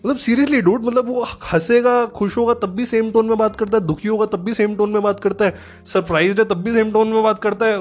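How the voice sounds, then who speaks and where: High-voiced man in a sarcastic comedic rant. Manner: sarcastic, animated, profane.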